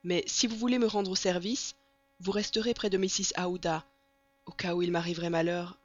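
Reader doing a composed English gentleman, cool and measured, dry dull lo-fi audiobook sound. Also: medium pitch, steady tone, no echo, natural voice. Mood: calm resolute. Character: calm resolute English gentleman. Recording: dull lo-fi recording.

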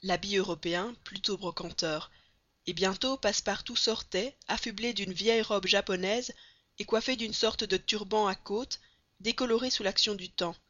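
A woman narrating a classic novel in a steady, measured storytelling manner. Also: medium pitch, no echo. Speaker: audiobook reader. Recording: slightly dull, dry recording.

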